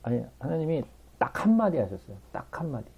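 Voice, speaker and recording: Male Bible teacher, gravelly and husky, emphatic, keeps prompting listeners; muffled lo-fi recording. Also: medium pitch, very animated, fast talker, darkish tone.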